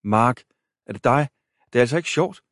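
A man's voice: fairly low pitch, flat delivery, darkish tone, dry recording, clean studio sound, lightly acted. A man reading an audiobook, voicing a schoolgirl who sounds irritated and a little scared on the phone. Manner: irritated, uneasy.

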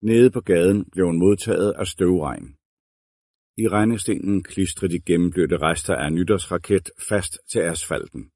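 A man reading a novel aloud as a narrator, in a measured, deliberate way. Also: low-pitched, warm tone, no room sound, studio quality. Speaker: audiobook narrator. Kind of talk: scripted narration.

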